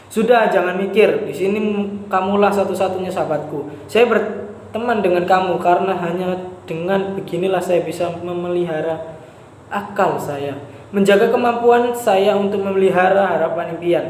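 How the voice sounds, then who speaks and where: A man's voice: high-pitched, normal speed, a little mellow, natural voice. A man voicing Siwi, a jailed man who scolds and pleads with a tin plate, in a story reading. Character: Siwi, a jailed man, scornful yet lonely. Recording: echoey room with faint noise.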